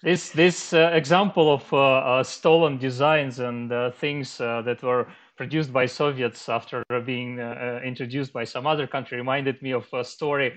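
A man in casual chat, halting and pausing often as he tells a story. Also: mid-range voice, steady tone, a bit bright. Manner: halting, many uh fillers. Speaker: podcast host.

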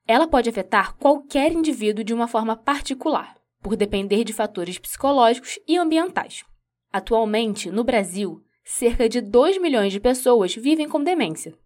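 A woman news reporter, reading a scripted report in a measured, even way. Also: fairly high pitch.

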